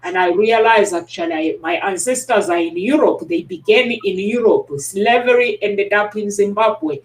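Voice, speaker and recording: A woman hosting a talk show, speaking in a halting, casual way with many pauses and restarts. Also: mid-range voice. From South Africa. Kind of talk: casual conversation. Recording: roomy sound, distant mic.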